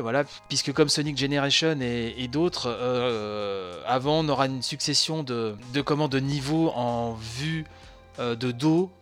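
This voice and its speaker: A man hosting a casual podcast, talking with many fillers and restarts. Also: mid-range voice. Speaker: podcast host.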